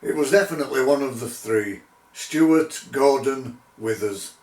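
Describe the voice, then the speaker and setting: A middle-aged man telling his own paranormal investigation story in a measured, deliberate way, with pauses. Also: mid-range voice, darkish tone. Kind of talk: unscripted spoken storytelling. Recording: roomy echo, distant microphone.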